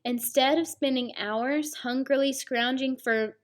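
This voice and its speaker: This woman's voice sits high and unhurried as she reads a children's picture book aloud in a teacherly manner, stopping to explain words and offer story asides.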